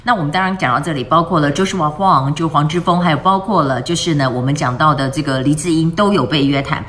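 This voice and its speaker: A woman with a somewhat low voice explaining English vocabulary from news stories. She spells words letter by letter and poses questions to her listeners before answering them. She moves freely between Mandarin and English mid-sentence. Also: quick pace, a bit bright. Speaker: English teacher. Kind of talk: news-based vocabulary lesson.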